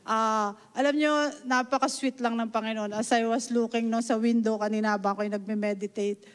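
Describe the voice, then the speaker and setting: A woman's voice: on the high side, steady tone, moderate pace. A middle-aged woman from the Philippines preaching a sermon, earnest and emotional, mixing Tagalog and English and often asking "no?". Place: church hall. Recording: long church hall reverb.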